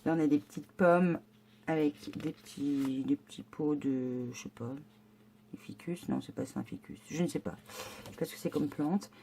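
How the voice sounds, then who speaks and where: A woman's voice: deep voice, moderate pace, mellow, a little hiss or hum. Chatty French-speaking woman vlogger. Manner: chatty, hesitant, many fillers and restarts; enthusiastic about the items. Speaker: scrapbooking vlogger. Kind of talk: casual unboxing chat.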